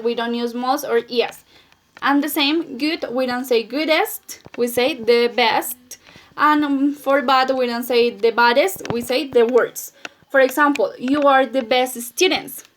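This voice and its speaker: Young woman, English teacher, high voice; patient and repetitive, spells letters out; faint noisy home recording. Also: fairly bright tone. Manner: patient, repeats key points, spells letters out. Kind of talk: recorded grammar lesson for pupils.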